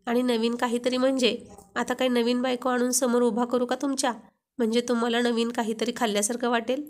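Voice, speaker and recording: A woman's voice: on the high side, flat delivery, brisk, lightly acted. A woman voicing a shy young wife who flares up and gets flustered at her husband's teasing. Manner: coy, flustered.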